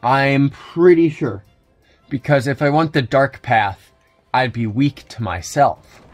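A man's voice: medium pitch, slow pace, soft background music. A young adult man giving wry, joking commentary over a video game, often chuckling at his own asides. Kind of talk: let's play commentary.

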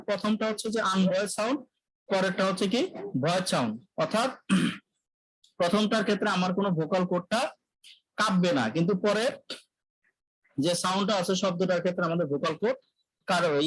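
A man teaching English pronunciation in a live online lecture, drilling sounds by repeating them and often clearing his throat. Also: sits high, dry recording, low-quality recording. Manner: clears throat often, self-corrects mid-sentence.

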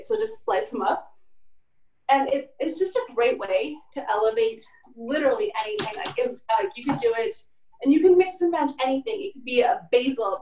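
A woman's voice: high-pitched, darkish tone, far from the mic. A woman giving a casual cooking demonstration in her home kitchen, chatty and full of fillers. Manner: chatty, lots of fillers like "like" and "kinda". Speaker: cooking instructor. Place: home kitchen in an old apartment. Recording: echoey room, voice off-mic.

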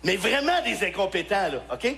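A male stand-up comedian from Quebec with a Québécois accent, telling stories on a live stage and shouting his punchlines. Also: high-pitched, normal speed, vocal fry. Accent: Québécois French. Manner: animated storytelling with shouted punchlines.

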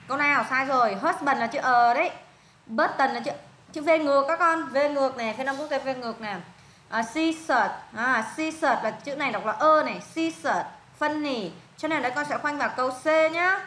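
A woman's voice: high voice, pushed and bright, reverberant. A woman with a Vietnamese accent tutoring a student one-on-one in English pronunciation, patiently repeating words and prompting answers.

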